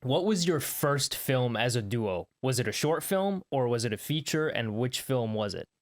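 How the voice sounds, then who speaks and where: A young adult man from Canada hosting a casual interview, talking in a relaxed way and asking long, winding questions. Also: mid-range voice, moderate pace. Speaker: podcast host.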